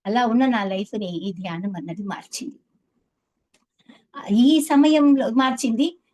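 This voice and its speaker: A woman's voice: fairly high pitch, unhurried, dark tone, low-quality recording. A woman in her seventies telling a personal story earnestly to an interviewer, acting out the words of others with feeling. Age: 70s. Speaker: meditation teacher.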